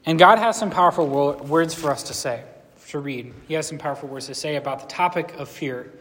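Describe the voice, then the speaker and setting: Male pastor, slightly high voice, mild lisp, chatty earnest preaching, reverberant hall. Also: fairly quick, a bit bright, a little hiss or hum. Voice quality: slight lisp from a sore lip. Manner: conversational, earnest, asks the congregation questions. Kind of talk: sermon.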